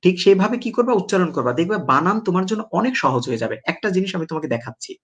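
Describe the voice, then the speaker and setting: A man with a Bangladeshi accent teaching an exam-prep English lesson, asking questions and then answering them himself, and spelling words out slowly syllable by syllable. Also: high-pitched, sing-song.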